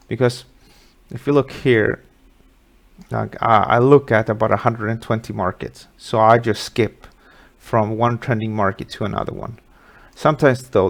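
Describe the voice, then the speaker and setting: A man's voice: lowish voice, vocal fry. A middle-aged man from Sweden hosting a live market webinar, talking casually through charts with many fillers.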